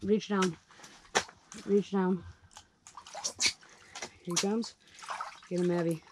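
Excitable young man ice fishing. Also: high-pitched, slow, background noise. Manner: excitable, shouting and laughing when a fish lands. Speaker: fishing channel host. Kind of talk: casual vlog chat while ice fishing. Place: inside a small ice fishing tent.

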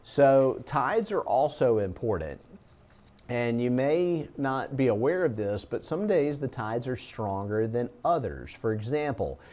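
A middle-aged man, a TV meteorologist giving a relaxed, folksy talk over slides. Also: mid-range voice, unhurried.

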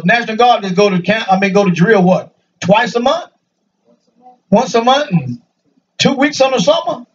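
A man preaching a lively sermon to a congregation in a church, joking and calling out for answers. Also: high voice. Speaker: pastor. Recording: dull, distant church recording.

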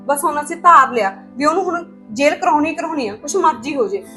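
Woman doing a determined young girl, talks fast and high, faint music behind. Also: expressive, sharp tone. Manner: earnest, insistent. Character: young unmarried woman, escaped captive, resolute.

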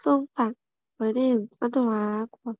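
A woman's voice: fairly high pitch, steady tone, normal speed, darkish tone, no echo, lo-fi sound. A young student answering her teacher's questions hesitantly, with many fillers. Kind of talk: answering in a tutoring lesson.

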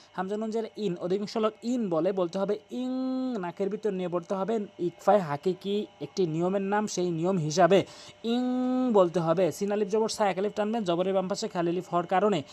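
Guy teaching quran reading, high voice, spells letters out slow and repeats fixes. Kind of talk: tutorial on Quran pronunciation.

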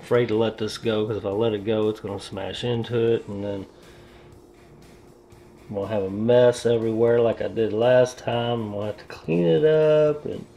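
A man's voice: lowish voice, fairly even intonation, normal speed, gravelly, highs cut off, a little hiss or hum. A man casually narrating as he repastes and reassembles his computer, rambling and self-deprecating, talking to himself as he works. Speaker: PC hobbyist vlogger. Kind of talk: casual narration while working on a PC.

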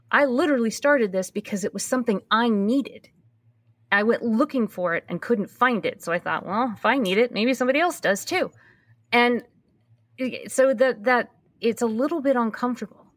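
Here the same kind of speaker, a podcast host in her early fifties, is the interviewee in a conversational exchange. Her mid-range voice carries no room sound as she reflects openly and repeats phrases to stress her points.

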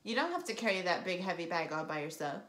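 A woman's voice: lowish voice, very animated, quick pace, noisy background. A woman voicing a scheming, greedy schoolboy who wheedles and schemes, in a storybook reading with a roomy echo. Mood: sly. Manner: wheedling and sly.

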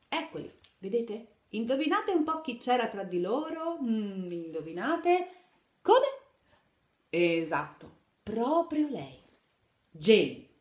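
A woman's voice: fairly high pitch, reverberant. A woman reading a fairy tale aloud to children, asking them questions as she shows the pictures. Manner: animated, asks the children questions while showing pictures. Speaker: storyteller for children.

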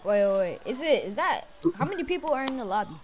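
A woman's voice: fairly high pitch, big pitch swings, fast. A female player streaming a game, chatting casually in slangy gamer banter. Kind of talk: casual gaming chat. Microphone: gaming voice chat. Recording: noisy gaming voice chat.

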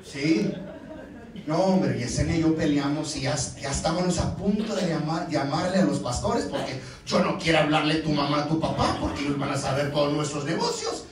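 Man, middle-aged, joking church speaker, lively voice, far-off mic, audience murmuring around. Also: fairly high pitch, normal speed, crowd noise. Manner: animated storytelling, chuckling through his own jokes. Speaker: guest speaker at a church couples dinner. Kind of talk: humorous preaching to an audience. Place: large church hall with a live audience. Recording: very echoey hall, heard from afar, audience.

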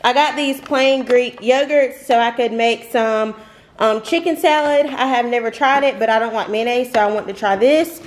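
A woman's voice: fairly high pitch, moderate pace. A young woman in her twenties chatting casually through a grocery haul vlog at home, rambling and laughing often. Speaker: vlogger. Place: home kitchen, indoors. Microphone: camera on the counter.

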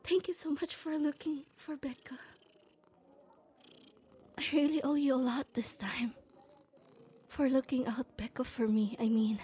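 A young woman with a high, husky, warm voice speaks in a steady tone, unhurried and with long pauses. Her ASMR roleplay, recorded close to the mic and aimed at the listener, casts her as a shy tomboy, gruff but kind, who talks hesitantly and stammers.

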